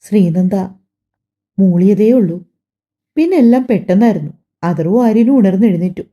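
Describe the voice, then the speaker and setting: A woman reading a family drama audiobook aloud, telling the story softly and voicing every character herself. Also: mid-range voice, animated, moderate pace. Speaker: audiobook narrator.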